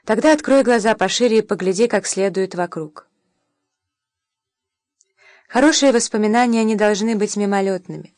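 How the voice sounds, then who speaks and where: A woman reading the lines of a tender young mother who calmly teaches her son, in a soft, measured voice. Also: mid-range voice, no room sound, clean studio sound, lightly acted. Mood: gentle, reflective.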